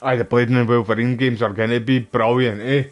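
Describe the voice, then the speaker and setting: A man's voice: medium pitch, fairly even intonation, a little fast, highs cut off, faint music behind. Glasgow street-accented man, cheeky gaming banter. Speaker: gaming streamer. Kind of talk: casual gameplay commentary, rambling chat.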